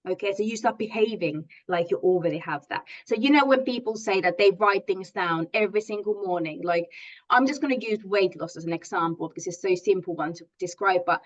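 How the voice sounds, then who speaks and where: A woman's voice: mid-range voice, a little fast, highs cut off. A middle-aged woman from Finland, a native Finnish speaker, giving an online coaching masterclass in an earnest, enthusiastic way, with many fillers and restarts. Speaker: positive psychology coach.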